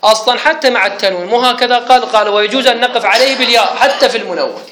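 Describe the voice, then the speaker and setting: A man's voice: very high voice, very fast, sharp tone. A man teaching grammar in a classroom, explaining points and quizzing his students. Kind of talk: classroom lecture. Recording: echoey room.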